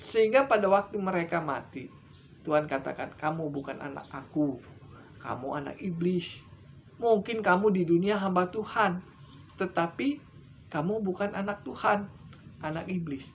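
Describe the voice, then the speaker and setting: A middle-aged male evangelist delivering a sermon, pushing his voice up loud for emphasis and then sinking to low, hushed endings. The recording sounds a little dull and lo-fi, with a faint hiss behind him. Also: expressive, moderate pace. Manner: emphatic, rising and dropping sharply for stress. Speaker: evangelist preacher.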